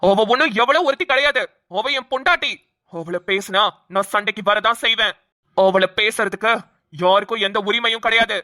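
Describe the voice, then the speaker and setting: A woman's voice: fairly high pitch, moderate pace, sharp tone, dry recording, studio quality. A woman voicing an earnest young husband in a cartoon, who reassures his bride and defies his father. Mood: defiant. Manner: reassuring, then defiant. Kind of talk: cartoon voice acting.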